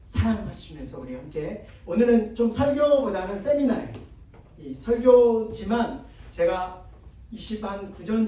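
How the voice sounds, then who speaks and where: Male pastor, high mellow voice, chatty sermon style that draws in the congregation; distant, very echoey church hall sound. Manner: conversational, prompting the congregation to repeat and answer. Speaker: guest pastor. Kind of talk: sermon seminar. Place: church sanctuary.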